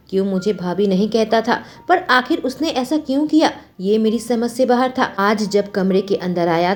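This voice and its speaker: Woman narrating an emotional story. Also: fairly high pitch. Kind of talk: first-person story narration. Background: soft background music.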